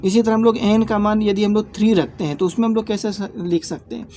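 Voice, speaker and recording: A man teaching a lesson in a mellow, darker voice. He goes step by step and repeats each key point. He keeps checking that his students follow with short tag questions. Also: sits high, steady tone, a little fast, a little hiss or hum. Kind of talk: classroom lesson.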